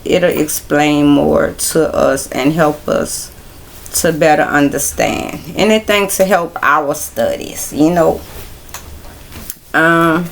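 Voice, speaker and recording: A woman hosting a casual Bible study livestream, talking in a relaxed, rambling way straight to her viewers. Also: low voice, takes it slowly, creaky, slight background noise. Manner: relaxed, rambling, speaks directly to viewers as y'all.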